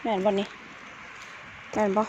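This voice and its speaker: A woman with an Isan accent giving excited, chatty running commentary to her viewers while foraging outdoors in the countryside. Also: a little slow, muffled recording, background noise. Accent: Isan (Northeastern Thai). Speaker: vlogger foraging wild mushrooms. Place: outdoors in rural scrubland.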